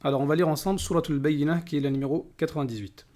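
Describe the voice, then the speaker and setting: A man giving a French lesson on Quran recitation rules, explaining each rule patiently and reciting verses slowly with long drawn-out vowels. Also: a little high, steady tone, darkish tone.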